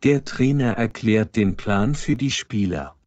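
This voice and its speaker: A man slowly reading example sentences aloud for language learners, each one twice. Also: lowish voice, expressive, a little mellow, no room sound, lo-fi sound. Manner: reads each full sentence twice, clearly and evenly.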